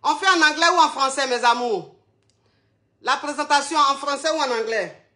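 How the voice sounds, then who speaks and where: A woman's voice: high-pitched, normal speed, sharp tone, echoey room. A woman hosting a casual live stream, chatting to her viewers and repeating her questions to them. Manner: chatty, keeps asking viewers the same question.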